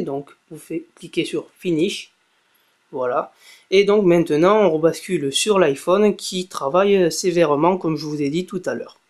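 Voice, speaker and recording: A man's voice: fairly high pitch, a little mellow. A young man giving a casual spoken tech tutorial, chatty, with many fillers and self-corrections. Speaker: tech video blogger. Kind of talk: casual screen-recorded tutorial.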